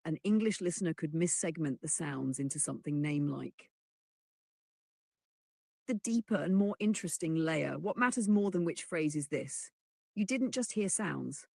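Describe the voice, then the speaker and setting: A synthetic voice reading an AI chatbot's answer aloud in a measured, explanatory way, even speaking the quote marks. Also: medium pitch, creaky, breathy edge, dry recording. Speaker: AI assistant reply read aloud.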